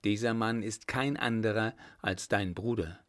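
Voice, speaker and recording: Man doing a young officer, calm, assured, slow, storybook reading. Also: on the low side, natural voice. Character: young lieutenant, confident and warm.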